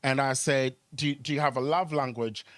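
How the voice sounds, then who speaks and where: On a club stage, a Kenyan comic delivers conversational stand-up with crowd work in a brisk, medium-pitched voice that is a bit bright and fairly even in intonation. There's no echo. He hesitates and repeats words as he tells his stories.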